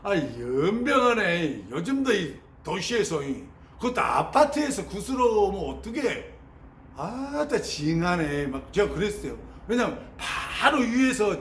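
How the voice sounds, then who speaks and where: A man telling his spiritual experiences in an animated, storytelling way and mimicking sounds as he teaches. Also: high-pitched. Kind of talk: spoken teaching on meditation experiences. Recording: roomy sound with faint ambient noise.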